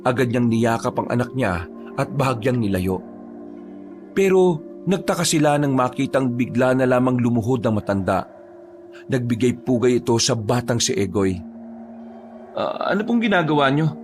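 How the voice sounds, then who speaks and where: A man tells a horror story in a steady, measured voice of ordinary pitch. Faint music plays beneath his narration.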